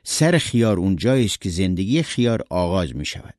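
A man's voice: deep voice, sing-song, darkish tone, no room sound, studio quality. A man voicing a blunt, philosophical male friend who lectures. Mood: lecturing.

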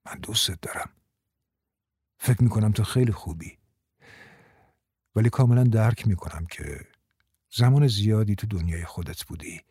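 A man voicing a calm young man in an audiobook, speaking softly and reassuringly. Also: mid-range voice, long pauses, no echo, studio quality, pitched below the performer's own voice, close to an everyday voice. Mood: gentle. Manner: soft, gentle, reassuring.

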